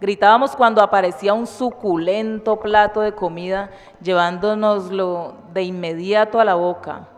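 A woman from Cali who chats a little and then reads a lively passage from her memoir. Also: medium pitch, normal speed, hardly any pauses. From Cali, Colombia. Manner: chatty, laughing intro, then lively storytelling reading. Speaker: community participant reading from a women's book. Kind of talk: personal memoir reading. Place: community cultural house. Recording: long reverb with faint music behind.

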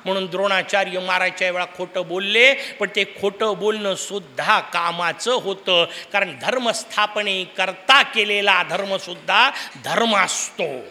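High, bright-voiced preacher. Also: male voice, a little slow, hardly any pauses. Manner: animated storytelling with rhetorical questions. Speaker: Purana discourse speaker. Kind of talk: religious discourse. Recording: long hall reverb.

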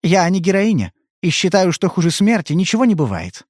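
A man reading an audiobook, voicing a frightened young woman who pleads in a soft, trembling way. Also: sits high, very animated, a little fast, no room sound, studio quality, voice pushed up.

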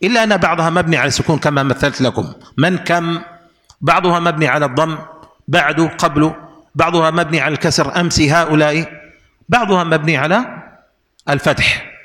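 A man's voice: a little high, fast talker, pauses often, a bit bright, long reverb tail. A man teaching an Arabic grammar lesson, explaining rules through repeated examples and questions to his students.

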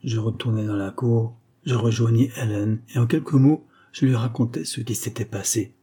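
Brief: male audiobook narrator, husky, measured, mid-pitched. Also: fairly even intonation, warm tone. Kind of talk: scripted narration.

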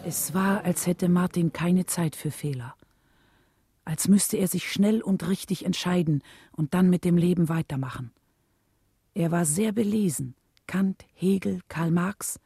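In a German radio drama, a woman plays a reflective, devoted wife narrating her memories. Her delivery is husky, mellow, measured, and on the low side, captured in a dry, studio-quality recording.

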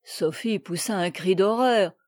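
A woman narrating a children's classic as an audiobook reader, clear and even. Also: medium pitch, unhurried, no echo, studio quality. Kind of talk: scripted narration.

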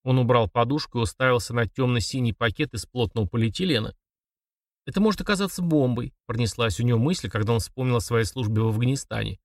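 A man's voice: medium pitch, dry recording, clean studio sound, far from the mic. Man narrating a thriller audiobook. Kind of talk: scripted narration.

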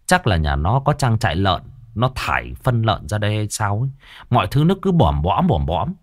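A man narrating a comic folk-style story in a colloquial, crude and lively way. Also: lowish voice, normal speed, no room sound, clean studio sound. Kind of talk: casual spoken story narration.

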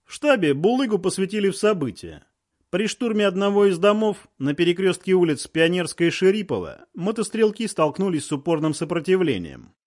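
A man tells a war story as an audiobook narrator. His delivery is animated, with a lot of movement in the pitch. His voice sits slightly high. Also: a little fast.

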